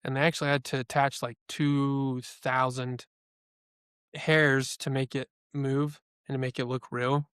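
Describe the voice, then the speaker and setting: A man's voice: mid-range voice, little pitch movement, measured pace, a bit bright, clean tone, dry recording, clean studio sound. A young man co-hosting a podcast in a casual, chatty way, sharing opinions and filling his talk with "like". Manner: chatty, opinionated, heavy use of "like". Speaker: podcast co-host. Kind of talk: casual chat.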